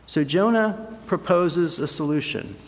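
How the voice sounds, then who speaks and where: A man's voice: fairly high pitch, measured pace. A man preaching a sermon in an earnest way, asking rhetorical questions and acting out the voices in the passage. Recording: long hall reverb.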